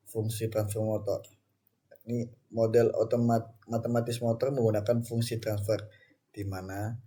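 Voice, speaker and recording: A man's voice: mid-range voice, dark tone, husky. A young man from Indonesia, a student reading through his class slides in short phrases, with small restarts and "okay, next" between them. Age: young adult. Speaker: student presenter.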